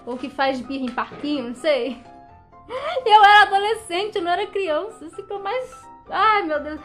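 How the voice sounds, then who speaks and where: Young woman from Brazil, high voice, animated storytelling, faint music underneath. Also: moderate pace. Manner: animated, dramatic retelling. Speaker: vlogger. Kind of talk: casual storytelling.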